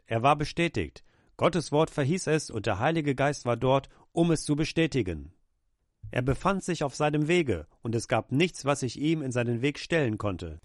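A man's voice: medium pitch, lively intonation, moderate pace, dry recording, clean studio sound. A man preaching a sermon with fervour, acting out the pleading cries of the people he quotes.

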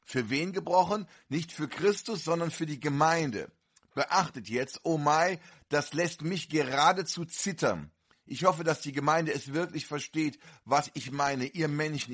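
A male preacher delivers a fervent sermon, his voice husky and pitched a little high, with a bright, forceful edge. He swings from measured reading into sudden loud exclamations. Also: animated.

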